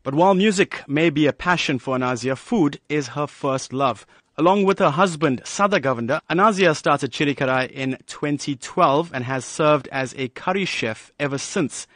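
A man reading a scripted news report in a smooth, measured way. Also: fairly high pitch, a bit bright, no room sound.

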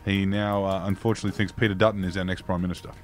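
A man with a Queensland accent co-hosting satirical news in a deadpan, colloquial, blokey way. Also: low voice, very fast. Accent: Queensland Australian. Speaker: co-host of satirical news show. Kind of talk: deadpan mock-news banter.

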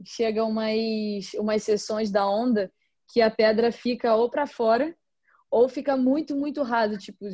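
A woman surfer, telling a story in relaxed casual chat, full of fillers. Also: a little high. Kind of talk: casual chat among friends. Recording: dull lo-fi recording.

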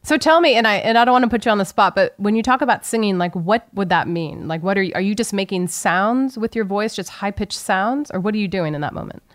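A woman's voice: mid-range voice, fast, hardly any pauses, no room sound, clean studio sound. A woman hosting an interview over a remote call, asking curious, friendly questions. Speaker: podcast host.

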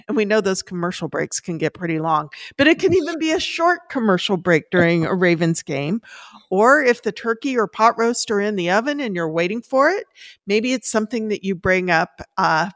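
A woman giving tidy, upbeat step-by-step advice in a prepared yet conversational interview style, stressing key words in a measured way. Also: medium pitch, dry recording, clean studio sound. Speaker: personal finance expert giving advice.

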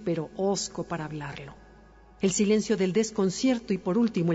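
Woman, lowish voice, dark soft tone, calm contemplative scripted narration, long reverb. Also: husky, highs cut off. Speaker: host of a reflective wellbeing segment.

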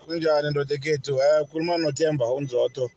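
A man's voice: a little high, fairly even intonation, fast talker, a little mellow, highs cut off, a little hiss or hum. A South African man calling a sports show, giving his opinion casually.

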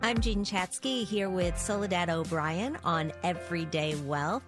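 A woman co-hosting a personal finance show, explaining market terms in a steady, clear conversational way. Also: lowish voice, a little slow, music in the background. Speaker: podcast co-host, personal finance expert.

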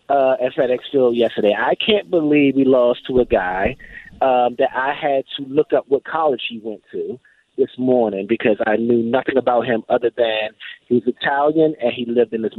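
A man's voice: mid-range voice, no echo. A man calling in to a sports radio show, chatty and rambling, with stumbling restarts. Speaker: caller. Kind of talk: call-in sports chat. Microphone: telephone. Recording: tinny phone line.

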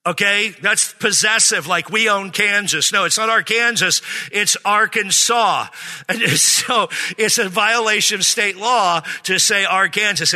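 High, bright-voiced man preaching in a hall. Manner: joking, calls for amens from the congregation. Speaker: pastor. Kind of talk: sermon. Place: church sanctuary.

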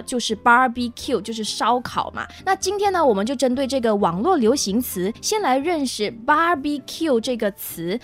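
A woman who hosts a radio English lesson and chats in a lively way, asking questions. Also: sits high. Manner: lively, laughs often, asks questions. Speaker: radio host.

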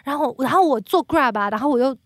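A woman co-hosting a chat podcast, telling a story in an animated way and acting out the quotes. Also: sits high, fast, no room sound. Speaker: podcast co-host. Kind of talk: casual chat.

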